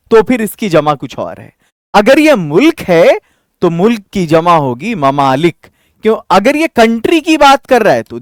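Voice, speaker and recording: A man's voice: dry recording, studio quality. A man teaching Urdu vocabulary in an exam-prep lesson, asking questions and repeating the answers for drill. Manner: lively, rising on each question, dropping low on answers; repeats key words for drill.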